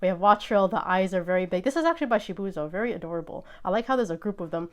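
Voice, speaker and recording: Chatty woman host, excitable and fast-tripping. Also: medium pitch. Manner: excitable, chatty, trips over words. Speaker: host opening trading card packs. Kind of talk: casual unboxing chat.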